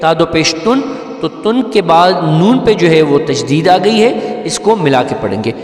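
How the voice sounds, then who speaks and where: High-voiced man teaching recitation, echoey. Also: lively intonation. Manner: patient, explains letter by letter, often checks "okay?". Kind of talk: step-by-step recitation lesson. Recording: echoey room with long reverb, faint music.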